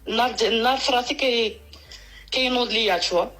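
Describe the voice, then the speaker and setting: A woman's voice: a little high, measured pace, bright, forceful tone, poor audio. A woman phoning in to tell a long personal story, rambling and emotional, with many restarts. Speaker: caller. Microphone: phone.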